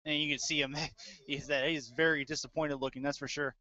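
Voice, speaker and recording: A play-by-play announcer calls a live American football game, giving a clipped running description of the plays in short phrases. His voice is a little high, level, bright and forceful, slightly fast, with the highs cut off.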